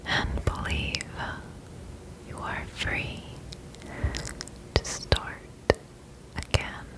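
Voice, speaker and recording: A woman giving an ASMR pep talk in whispers, soothingly repeating gentle affirmations. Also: poor audio. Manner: soothing, slow, repeats phrases. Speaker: ASMR host.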